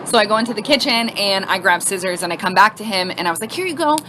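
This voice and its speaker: A woman in her thirties telling a casual, animated storytime and acting out the other voices. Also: medium pitch, fast talker, slight background noise. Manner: animated, acts out quoted voices.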